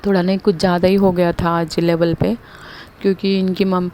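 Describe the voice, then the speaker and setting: A woman's voice: lowish voice, little pitch movement, moderate pace, warm tone, slight background noise. A middle-aged woman telling a personal devotional story in a casual, hesitant way, with many fillers and restarts. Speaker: devotee sharing a testimony. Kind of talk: casual spoken testimony.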